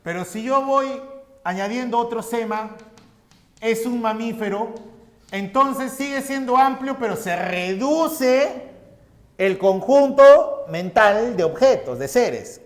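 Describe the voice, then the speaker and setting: A man teaches a class at an unhurried pace, his voice sitting high and swinging widely in pitch. He lays the material out step by step, putting questions to the students and answering them himself. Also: lively intonation. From Peru. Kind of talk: recorded class lecture.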